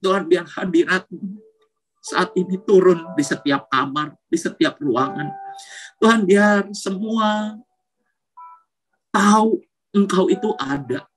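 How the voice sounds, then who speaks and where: A man's voice: high voice, takes it slowly, long pauses, a bit bright, low-quality recording. A man, a youth pastor preaching casually with slang and praying aloud in tongues while calling out names. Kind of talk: youth sermon and prayer in tongues.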